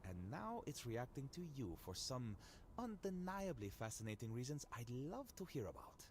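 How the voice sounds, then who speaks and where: An enigmatic fantasy game outsider, a sardonic man full of curiosity. His delivery is wry and theatrical, musing with wide, animated swings of pitch. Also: normal speed, a little hiss or hum. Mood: intrigued. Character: sardonic, curious, enigmatic male outsider touched by weird magic. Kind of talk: video game character dialogue.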